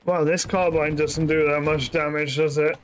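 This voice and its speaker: A man's voice: fairly high pitch, level tone, normal speed, a little hiss or hum. A man giving casual, rambling commentary while streaming a shooter game, often correcting himself mid-sentence. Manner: chatty, rambling, self-correcting asides.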